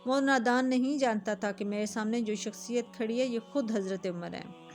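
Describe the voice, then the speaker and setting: Woman storyteller, earnest moral narration, faint music bed. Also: a little high. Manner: earnest, addresses viewers directly.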